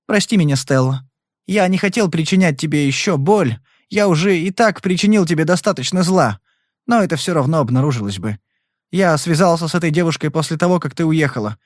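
A weary husband pleading his innocence and owning his guilt, voiced by a man reading aloud. The voice is fairly high and moves around a lot in pitch. It sounds close and dry. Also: animated, fairly quick, no echo, lightly acted. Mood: remorseful. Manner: pleading, remorseful.

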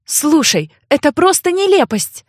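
A fiery young noblewoman who answers back in a high, shrill, indignant voice, played by a woman reading an audiobook. The sound is close and dry. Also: very animated, unhurried, darkish tone, no room sound. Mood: furious defiant. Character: fiery young noblewoman, defiant and hot-tempered. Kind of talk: audiobook character voice.

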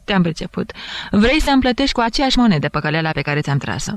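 Voiced by a woman in a full character performance, a middle-aged male investigating judge sounds high-pitched, sing-song and fairly bright in a dry recording. Jovial yet puzzled, he banters familiarly and reacts with disbelief.

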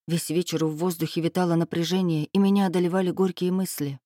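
Low-voiced woman narrating a story. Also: steady tone, quick pace, dark tone, no room sound, clean studio sound. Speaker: audiobook narrator. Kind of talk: first-person scripted narration.

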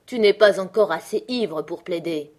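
A booming jovial drunk, as a woman reads him aloud. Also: normal speed, natural voice. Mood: mocking. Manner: booming, boastful. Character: loud jovial drunken village surgeon, man.

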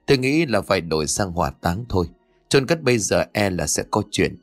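A man's voice: low voice, sing-song, brisk, dry recording, soft background music. A man voicing a frightened old village ritual master who speaks with a trembling, urgent voice in a ghost story. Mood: uneasy.

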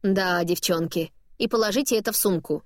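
A woman voicing a calm, unflappable older stepmother who speaks slowly and firmly. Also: lowish voice, dry recording, clean studio sound, close to an everyday voice. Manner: slow, calm and firm.

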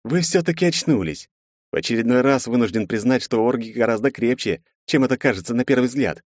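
A man narrating a fantasy audiobook, voicing a detached male wizard who answers flatly. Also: mid-range voice, brisk, no echo, pitched above the performer's own voice, close to an everyday voice. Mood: cool. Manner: detached, dry. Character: cool, dispassionate male wizard.

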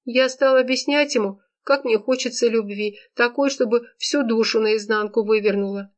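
A woman's voice: moderate pace, natural voice. A woman reading an audiobook, voicing a tearful young woman who sobs and wails as she talks about love. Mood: tearful confessing. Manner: wailing, high and strained. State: sobbing. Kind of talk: audiobook character voice.

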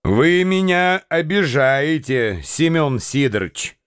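An actor reading a contemptuous, impatient young bully in a radio play. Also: male voice, on the high side, big pitch swings, takes it slowly, a bit bright, clear, resonant tone, no room sound, clean studio sound, full character voice. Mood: scornful. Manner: snapping, contemptuous. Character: rough, bullying young man, scornful and impatient.

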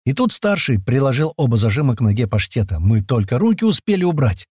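A man narrates a first-person audiobook in a casual, colloquial manner. His pitch is animated and swings widely, while the recording is dry and close with no room sound. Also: fast talker, husky, no echo. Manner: lively, colloquial storytelling.

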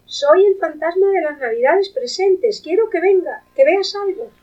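Lady doing a super high commanding christmas ghost, radio play, kinda muffled. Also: expressive, normal speed, mellow. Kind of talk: amateur radio play acting.

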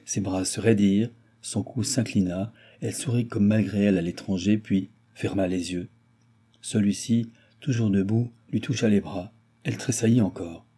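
A man reading a classic novel aloud in a steady storytelling manner. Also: fairly low pitch, moderate pace, breathy edge. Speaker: audiobook reader.

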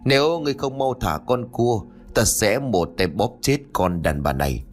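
Vengeful girl ghost, bossy and threatening, man reading it, low voice. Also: animated, normal speed, faint music behind, close to an everyday voice. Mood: menacing. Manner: menacing, commanding. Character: vengeful female virgin ghost, possessing people.

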